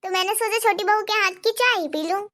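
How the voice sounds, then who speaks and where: A woman's voice: very high-pitched, fast, pushed and bright. Woman voicing a meddling gossipy neighbor. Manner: chatty, probing, complaining. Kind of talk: cartoon dubbing.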